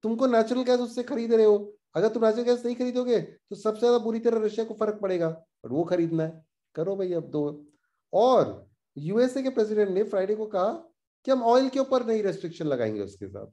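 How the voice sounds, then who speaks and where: His voice sits high and moves fairly quickly as he hosts a casual current-affairs explainer. The man is animated and indignant, working English phrases into his talk.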